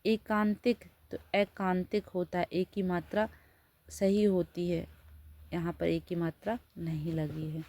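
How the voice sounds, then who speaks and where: A woman's voice: on the low side, little pitch movement, a little slow, dark tone. A woman teacher giving a Hindi spelling lesson. She reads each word out, then explains and corrects it.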